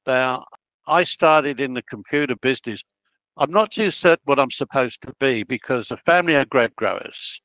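A man in his eighties with an Australian accent, a project planner appearing as a guest on an interview podcast, tells long rambling stories about his career, frequently interrupting himself. His medium-pitched voice is a bit bright at a moderate pace, in a dry, lo-fi recording.

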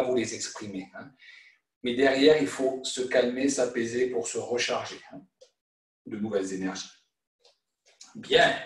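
A man with a French accent teaching an online qigong class, guiding calmly with frequent "hein" and "voilà". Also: mid-range voice. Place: room at home or studio, teaching over video call. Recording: echoey room, voice from far off the mic.

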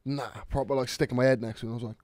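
A young man co-hosts a podcast, telling stories in a blunt, sweary way. His voice sits in a middle register with a soft, mellow tone. The sound is dry and close to the mic. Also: mid-range voice, fairly even intonation, racing, no room sound. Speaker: podcast co-host. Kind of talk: casual chat.

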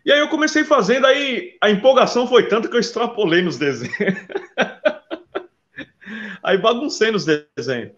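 A man with a somewhat high voice tells his stories in a lively, chatty way, warmly calling the listener "brother" as he goes. The recording sounds dull and lo-fi. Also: fast talker. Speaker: interview guest, visual artist. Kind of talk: casual interview storytelling.

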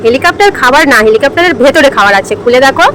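A woman's voice: sits high, lively intonation, fast, a bit bright, slight background noise. A woman chatting casually with a small child, using simple repeated questions and coaxing instructions. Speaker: family carer filming a young child.

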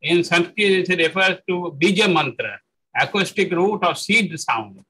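A man with a high, bright voice gives a spoken lecture on spiritual practice. He halts often, fills gaps with "uh" and corrects himself mid-phrase. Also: breathy edge, poor audio. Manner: halting, with frequent fillers and self-corrections.

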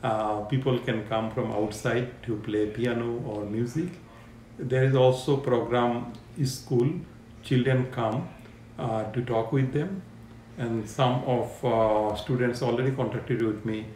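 A man in his fifties from Bangladesh, a care home owner, answering interview questions in a halting way with many fillers, seated on a sofa in a living room. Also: mid-range voice, fairly even intonation, a little mellow, echoey room, a little hiss or hum.

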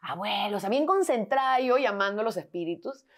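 A woman's voice: fairly high pitch, animated, brisk. A young Peruvian woman with a Peruvian Spanish accent, telling personal stories as a guest in a casual interview at home. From Peru. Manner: candid, storytelling.

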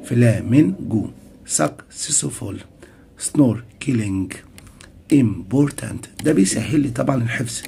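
A man teaching an English textbook lesson in Egyptian Arabic, reading English phrases slowly and translating them quickly. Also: mid-range voice, vocal fry, a little mellow, slight background noise. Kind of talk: classroom lesson explaining a textbook.

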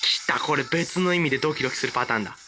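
A man commentating on a dating game in an excitable, gushing, hyper way. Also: mid-range voice, very fast, soft background music. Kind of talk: let's-play commentary.

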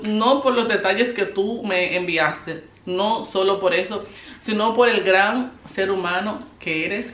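A Dominican woman vlogging at home as she opens birthday gifts, expressive and emotional, laughing often. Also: mid-range voice, echoey room. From Dominican Republic. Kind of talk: casual vlog, opening birthday gifts. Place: home, indoors.

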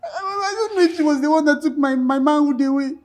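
A man's voice: very high-pitched, quick pace, a little mellow, low-quality recording. An actor playing a panicked young male student who stammers through tears. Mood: distraught. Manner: stammering, tearful.

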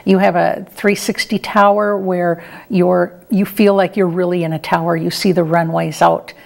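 A middle-aged woman, a retired air traffic controller and professor, is the guest in an interview. Her voice is on the low side with vocal fry and a level tone at normal speed, and her answers are conversational, plain-spoken and somewhat hesitant.

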